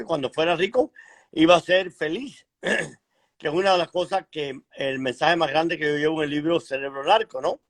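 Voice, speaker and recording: A middle-aged man from Cuba, a guest author telling his life story in a frank, measured way over a video call, pausing and clearing his throat. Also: on the high side. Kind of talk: conversational interview storytelling.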